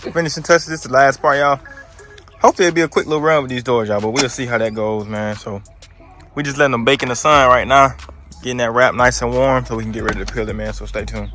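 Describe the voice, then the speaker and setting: A man's voice: medium pitch, fast, pushed and bright, soft background music, poor audio. A young man talking casually to his phone camera outdoors, saying "y'all" and "man" a lot while he works on his Jeep. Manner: laid-back, keeps saying "y'all" and "man". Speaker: vlogger removing his Jeep's vinyl wrap.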